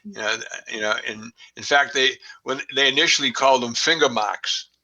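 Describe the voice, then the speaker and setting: A man with a Boston accent answers questions in a relaxed panel chat. His voice is bright and forward. He pauses often, filling gaps with fillers and restarting his sentences. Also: medium pitch, poor audio. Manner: halting, many fillers and restarts. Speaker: guest expert. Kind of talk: casual discussion.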